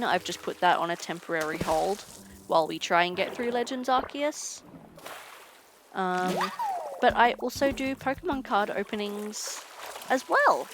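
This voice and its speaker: A young woman game streamer chatting casually while she plays, tired and low on energy, rambling with frequent ums. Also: expressive, normal speed. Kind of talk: casual chat while gaming. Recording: noisy game audio behind.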